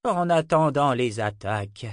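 A man voicing a kindly, wry old male wizard in an audiobook, speaking in a warm, unhurried way. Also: medium pitch, animated, dry recording, studio quality, voice pushed up, natural voice. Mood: genial. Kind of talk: audiobook character reading.

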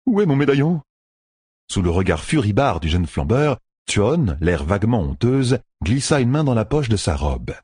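A man narrating an audiobook in an expressive, measured way, recorded close and dry. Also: on the low side, husky, dry recording.

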